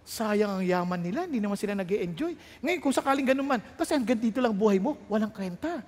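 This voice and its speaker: A man preaching a sermon in a very high voice for a man. He mixes Tagalog and English and climbs to shouted peaks. His voice rings with the long reverb of a large hall. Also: lively intonation, fast.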